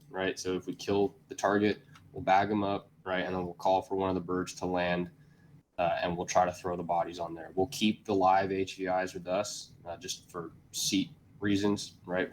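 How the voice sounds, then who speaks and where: Low, flat-voiced man giving a commanding briefing. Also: moderate pace, slight background noise. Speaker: squad leader giving a mission briefing in a military simulation game. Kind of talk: tactical mission briefing, semi-scripted explanation.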